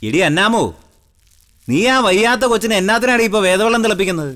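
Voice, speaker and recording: A man's voice: high voice, lively intonation, fast talker, fairly bright tone. An actor playing a nosy, offhand middle-aged husband who gossips and brushes off his wife's worries. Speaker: Annamma's husband. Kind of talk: TV serial drama acting.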